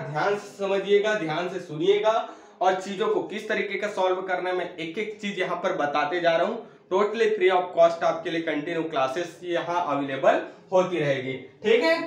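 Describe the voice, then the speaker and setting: A male teacher giving an exam-prep grammar lesson, repeating key points and drilling listeners, often calling them "my friend". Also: high voice. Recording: very echoey room.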